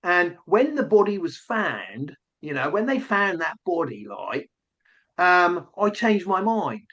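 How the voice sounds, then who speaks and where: A hesitant, rambling woman with a put-on Essex accent, mocked by a man. She stumbles through fillers and swings her voice up and down. Her tone sits fairly high. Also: big pitch swings, takes it slowly, a bit bright, highs cut off, heavily acted. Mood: evasive mockery.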